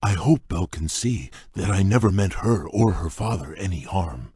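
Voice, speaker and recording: An actor playing a shy, gentle male beast prince in a game, talking in a halting, bashful way with a husky, rumbling voice. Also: expressive, no room sound, studio quality, exaggerated voice. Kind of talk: game voice clips.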